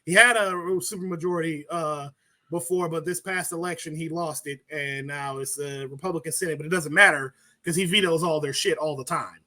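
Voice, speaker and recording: Guest, male, high and bright-toned, animated casual talker who swears freely. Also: brisk. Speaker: podcast guest. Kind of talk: casual live-stream chat.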